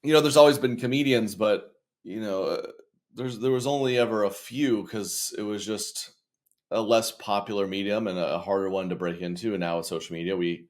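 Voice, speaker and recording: Appearing as an interview guest, this young comedian and children's author speaks at normal speed in a lowish voice. He rambles casually, stopping and starting, and keeps things jokey.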